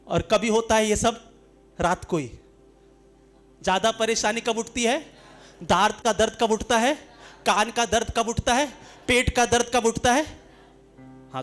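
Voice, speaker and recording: A man with a Hindi accent preaching a sermon as pastor, lively, shifting between shouts, laughter and quiet storytelling. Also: high voice.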